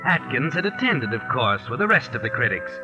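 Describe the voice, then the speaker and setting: A man playing a mysterious, all-knowing narrator of dark crime tales in theatrical American 1940s radio style. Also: mid-range voice, big pitch swings, highs cut off, lightly acted. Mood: measured, knowing. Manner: ominous, theatrical, deliberate. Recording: vintage 1940s radio with music. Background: dramatic music.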